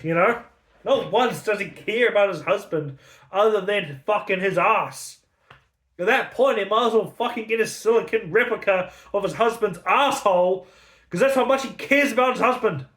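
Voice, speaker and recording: Profane, high-voiced male book ranter. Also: a bit bright, roomy sound. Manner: profane, angry, sarcastic. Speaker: book reviewer. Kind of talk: casual ranting review.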